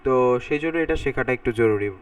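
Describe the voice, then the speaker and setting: A man's voice: medium pitch, fast talker, smooth. Man teaching chemistry from a distance. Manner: talks while writing on a board, thinking aloud, repeating sounds to drill pronunciation. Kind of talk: recorded lecture explaining formulas. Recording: voice a bit far from the mic.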